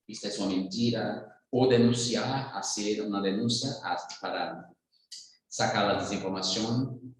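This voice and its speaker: A Brazilian man, a native Portuguese speaker, giving a political analysis in halting Spanish mixed with Portuguese, searching for words. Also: lowish voice. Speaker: guest speaker. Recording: very echoey room.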